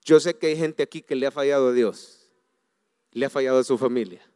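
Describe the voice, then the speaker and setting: A man preaching a sermon as pastor, swinging from hushed asides to loud, animated appeals. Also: medium pitch, a little fast, clear, resonant tone. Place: church. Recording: hall reverb.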